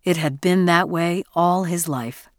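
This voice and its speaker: A woman narrating an audiobook in a measured, even storytelling manner, close to the mic. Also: fairly low pitch, no echo. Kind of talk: scripted narration.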